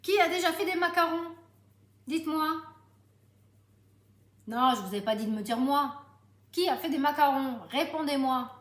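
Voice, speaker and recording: Southern French woman, middle-aged, high voice, chatty home-cooking demo, echoey kitchen. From southern France. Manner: chatty, addresses viewers directly. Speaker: Tupperware demonstrator. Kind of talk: casual cooking tutorial.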